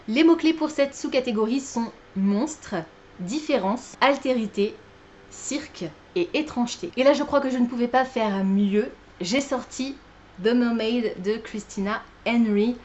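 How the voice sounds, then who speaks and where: A woman's voice: on the high side, darkish tone, dull audio, slight background noise. A tired woman chatting casually about her reading list as a book vlogger, with many fillers and self-corrections. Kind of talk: casual chat.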